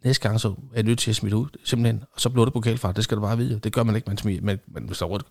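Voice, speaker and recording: A middle-aged man, a former football referee, telling lively anecdotes in conversation and acting out what people said. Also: on the low side, creaky. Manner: animated storyteller acting out quoted exchanges.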